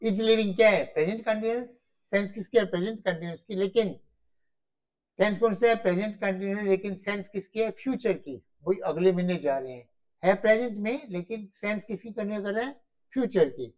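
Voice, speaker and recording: A man teaching grammar in a Hindi-mix, explaining slowly and repetitively, asking and answering his own questions. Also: high-pitched, darkish tone. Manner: mixes Hindi and English. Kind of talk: classroom-style grammar lesson. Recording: dull lo-fi recording.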